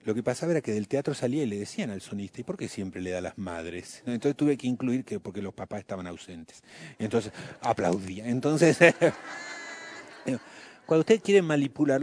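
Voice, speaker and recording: A man, a children's performer casually telling stories about his stage act and acting out the scenes. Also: mid-range voice. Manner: animated, acts out scenes and quotes.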